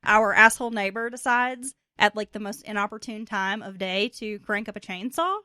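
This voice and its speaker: A woman's voice: medium pitch, moderate pace, bright, forceful tone, smooth, no room sound, studio quality. A woman co-hosting a casual true crime podcast, talking in a brassy, joking way. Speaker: podcast co-host.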